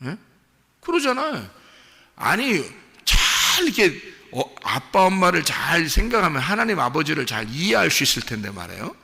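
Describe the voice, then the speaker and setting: A male pastor preaching a sermon in a church, emphatic, swinging from hushed asides to shouted lines. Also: on the high side, very animated, normal speed, creaky, big-room sound. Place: church sanctuary.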